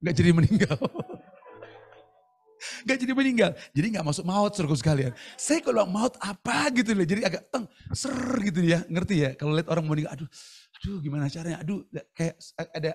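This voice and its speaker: Animated man preaching a story-filled sermon. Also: fairly high pitch, quick pace, slightly rough. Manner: animated, chatty storytelling with laughs. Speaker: pastor. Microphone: video call.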